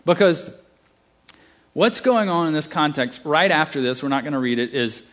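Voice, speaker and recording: A man's voice: fairly high pitch, animated, normal speed, a bit bright. A man with a Southern US accent preaching a sermon, emphatic, with casual asides and restarts.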